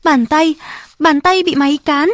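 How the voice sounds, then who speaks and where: A frightened young mill girl, voiced by a woman reader speaks in a high, shaky voice. She sounds hurt and defensive. The reading is close and dry. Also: fairly even intonation, unhurried, no room sound. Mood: shaken. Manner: shaky, pleading.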